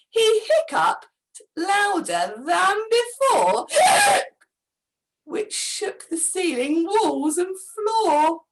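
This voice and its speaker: A woman reads a rhyming story aloud slowly and dramatically. Her high voice swoops widely as she acts out every moment. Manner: dramatic, expressive, with gasps.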